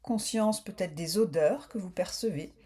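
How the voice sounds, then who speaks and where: A woman who teaches yoga nidra leads a relaxation session, speaking slowly with calm, soothing, unhurried instructions. Her voice sits lowish and carries a slight roughness.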